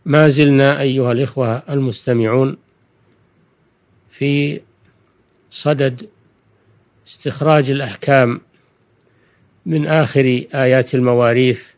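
An older man, a religious scholar, giving a Quranic lesson in formal Standard Arabic, deliberate and didactic, repeating key phrases. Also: medium pitch, fairly even intonation, low-quality recording. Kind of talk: Quranic exegesis lecture for listeners.

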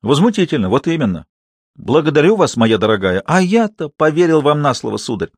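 A man's voice: on the high side, sing-song, brisk, breathy edge, no echo, voice pushed up, full character voice. A man voicing a pompous, aging theatre manager who thunders with outrage. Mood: outraged. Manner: blustering, outraged.

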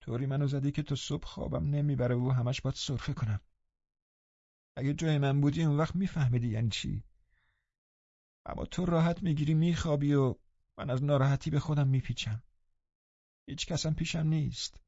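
A man voicing a sickly, self-pitying teenage boy who whines and complains softly. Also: a little high, long pauses, no room sound, dull audio, voice pushed up. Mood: whining. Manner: whiny, complaining, soft.

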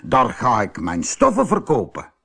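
A man's voice: medium pitch, wildly swooping pitch, a little slow, vocal fry, pushed and bright, slightly rough, heavily acted. A man voicing a friendly, well-to-do cloth merchant in a storybook.

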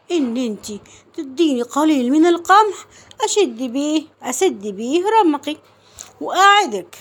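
A woman with an Egyptian accent voicing a hungry, careless male cockroach who pleads and flatters in a children's folk tale. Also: high voice.

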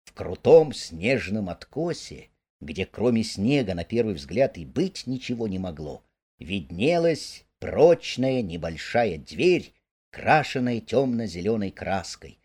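A man narrating a children's story aloud, expressive and animated. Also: fairly low pitch, slow, slightly rough.

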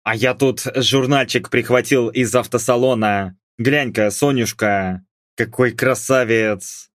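A man's voice: mid-range voice, a little slow, dry recording, studio quality, lightly acted. A man doing a grumbling, stubborn father. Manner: mumbling and grumbling.

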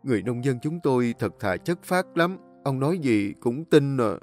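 A man voicing a poor, humble older male farmer who talks in an earnest, plain-spoken way, a bit higher than his own voice. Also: animated, moderate pace, a little mellow, faint music behind, close to an everyday voice.

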